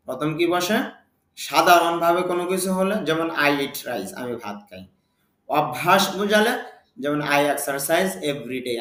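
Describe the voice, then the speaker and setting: A man giving a spoken English lesson, reading example sentences slowly and asking and answering his own questions. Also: fairly high pitch, fairly bright tone, echoey room. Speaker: English teacher.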